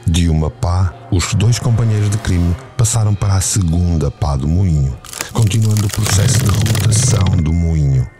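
A man narrating a novel as an audio drama, telling it in a measured, dramatic way. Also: low-pitched, music in the background.

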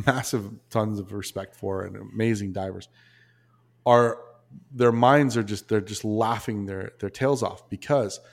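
A man, a podcast guest, telling a story in a casual, animated way, full of restarts and asides. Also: fairly low pitch.

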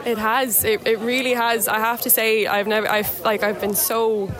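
Young woman, west of Ireland accent, casual post-match player interview, outdoors, clear crowd noise. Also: a little high, little pitch movement, normal speed. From Galway, west of Ireland. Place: outdoors at a sports ground.

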